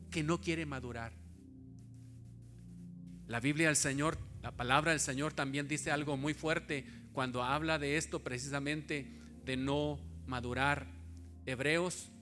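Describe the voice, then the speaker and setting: A man preaching a sermon as pastor, swinging from low, soft lines to high, strained pleading. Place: church sanctuary.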